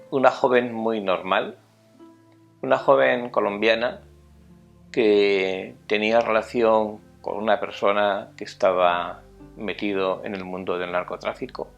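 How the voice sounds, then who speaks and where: Gravelly low-voiced male host narrating. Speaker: channel host introducing clips. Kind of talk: scripted narration.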